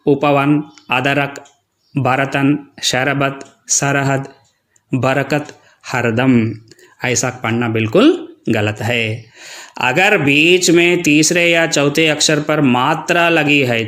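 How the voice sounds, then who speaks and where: A man's voice: medium pitch, a bit bright. A man teaching children Hindi pronunciation, patiently reading out word lists one by one.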